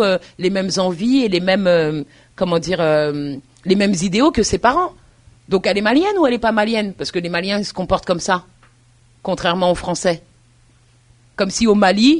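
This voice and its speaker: A woman university lecturer answering interview questions earnestly, thinking aloud with hesitations and restarts and often checking that the listener follows. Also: mid-range voice.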